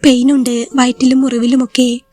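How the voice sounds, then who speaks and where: A woman's voice: high voice, little pitch movement, moderate pace, dark tone, soft background music. A woman voicing a tearful, frightened young wife. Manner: pleading, anxious.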